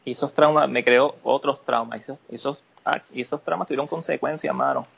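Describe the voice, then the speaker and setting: A man talks openly as a podcast guest, his words halting and often restarting. His voice is gravelly and full of fry. The recording sounds a bit dull. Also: medium pitch, fairly bright tone. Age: adult. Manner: halting, candid, many restarts. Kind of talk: personal interview talk.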